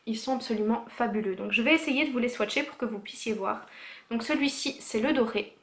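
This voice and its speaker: A woman's voice: on the high side, fairly quick, a bit bright. A woman presenting a casual make-up haul vlog, chatty and enthusiastic, with frequent fillers as she shows her purchases to the camera. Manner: chatty and enthusiastic, full of "voilà" and "euh". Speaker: beauty vlogger. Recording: echoey room.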